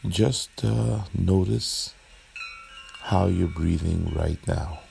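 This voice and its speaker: A man leading a guided relaxation meditation in a soothing, gentle, unhurried manner with long pauses. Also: deep voice, gravelly, soft background music.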